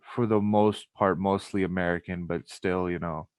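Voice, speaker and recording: Man, young adult, low voice, from Pakistan, podcast guest, casual chat, loose and rambling. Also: normal speed, clean tone. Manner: relaxed, rambling with many restarts.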